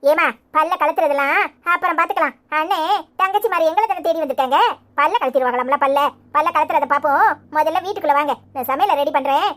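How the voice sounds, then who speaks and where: A woman voicing a brisk, bossy village housewife in a Tamil cartoon, chiding the family with a Tirunelveli accent. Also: high-pitched, fairly bright tone. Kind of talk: cartoon voice acting.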